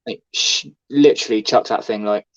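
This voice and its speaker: A man's voice: lowish voice, moderate pace. A man in casual chat as a podcast co-host, rambling and full of fillers. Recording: slightly dull lo-fi recording.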